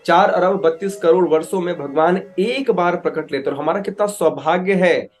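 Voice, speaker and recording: Animated male scripture storyteller. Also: high-pitched, normal speed, slight background noise. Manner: animated storyteller, acts out voices with loud outbursts; mixes English words into Hindi. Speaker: Krishna devotee preacher.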